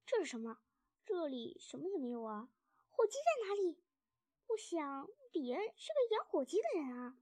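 A woman's voice: sits high, big pitch swings, moderate pace, a little mellow. A woman voicing a friendly grown male badger who speaks in a hearty, cheerful way in a storybook reading.

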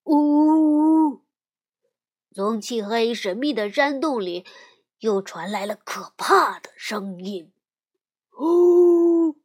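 一位女性用缓慢而富有表现力的语气朗读儿童故事。. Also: female voice, mid-range voice, slightly rough. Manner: slow, expressive storytelling. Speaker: storyteller. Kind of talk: children's audiobook narration.

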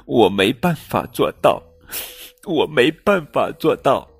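A man's voice: medium pitch, very animated, takes it slowly, vocal fry, husky, no echo, faint music behind, pitched above the performer's own voice, full character voice. A man voicing a glum, self-doubting young kangaroo who talks in a tearful, whiny way.

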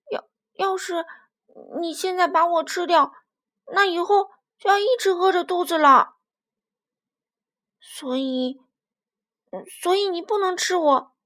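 A woman voicing a timid, tearful baby spinosaurus in a children's storybook, squeaky and pleading. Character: crybaby little baby spinosaurus, timid and sweet.

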